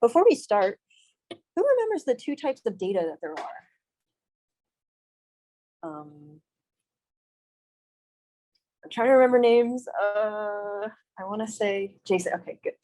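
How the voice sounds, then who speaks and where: A woman's voice: mid-range voice, very animated, unhurried, pauses often, dark tone, low-quality recording. A young woman lecturing a math class in a classroom, casual and self-deprecating, often asking the students questions. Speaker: math instructor.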